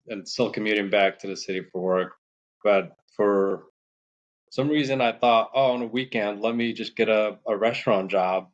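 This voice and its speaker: A man from Morocco, a podcast guest, telling his story in a relaxed, rambling way with many fillers. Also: fairly low pitch, highs cut off. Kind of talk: casual storytelling interview.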